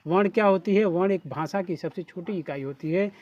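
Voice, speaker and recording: A man's voice: high-pitched, a little fast, darkish tone, lo-fi sound. A man with a Bhojpuri accent teaching a class, who keeps asking questions back to his students. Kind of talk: classroom lesson.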